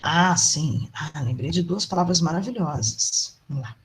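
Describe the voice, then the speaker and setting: A woman's voice: low voice, lively intonation, normal speed, a little hiss or hum. Brazilian woman lecturer on a video call, chatty and affectionate, keeps checking in with students. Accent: Brazilian Portuguese. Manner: chatty, affectionate, asks the class "tá bom?". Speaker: teacher. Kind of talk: online university lecture.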